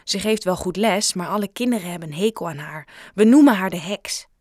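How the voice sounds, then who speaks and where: A woman's voice: on the low side, animated, fairly quick, darkish tone, dry recording, studio quality. A woman voicing an awkward, self-conscious schoolboy who stammers in a read-aloud story. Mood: flustered.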